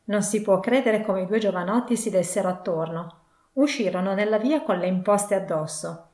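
A woman narrates a classic novel with an expressive storytelling cadence. Her voice sits at a middle pitch. The recording has a roomy echo. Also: moderate pace. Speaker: audiobook narrator.

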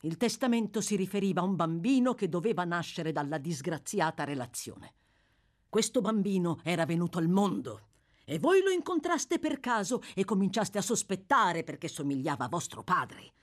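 A woman voicing a stern elderly gentleman who speaks in a measured, firmly deliberate and accusing way. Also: fairly low pitch, big pitch swings, pitched above the performer's own voice.

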